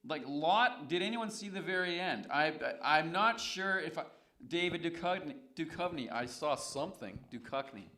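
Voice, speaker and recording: Bright-voiced brash man hosting. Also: on the high side, expressive, normal speed, reverberant. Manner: brash, trash-talking, trading insults. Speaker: call-in show host. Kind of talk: late-night call-in banter. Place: indoors on a stormy night by candlelight.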